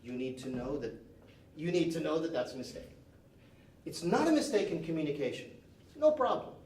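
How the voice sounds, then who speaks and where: A little high, expressive and a little fast, his darkish voice carries through a roomy classroom to a distant mic, with faint noise. The man, who moved to Canada at age nine, runs English drills by issuing emphatic instructions and short, barked commands.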